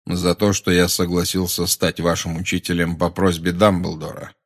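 A man reading an audiobook voices a dignified male centaur teacher who speaks calmly and unhurriedly. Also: low-pitched, husky. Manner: calm, unhurried, measured.

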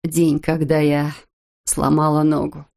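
A woman voicing a gravely ill, gentle wife who speaks slowly and softly, short of breath. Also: low voice, steady tone, full character voice. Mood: gentle, weak. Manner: soft, breathy, slow.

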